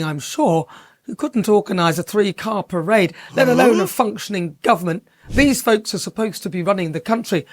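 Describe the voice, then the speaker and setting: A woman's voice: mid-range voice, no echo. A woman TV presenter, delivering a scripted satirical monologue in a sarcastic, mocking way.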